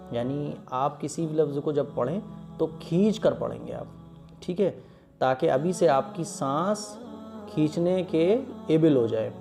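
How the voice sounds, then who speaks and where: A man gives a patient Quran lesson, drawing out each letter in one long breath and checking in often with his listeners. His voice sits a little high yet sounds mellow and soft. Faint music plays quietly behind him. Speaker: Quran teacher. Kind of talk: step-by-step lesson teaching Arabic letters.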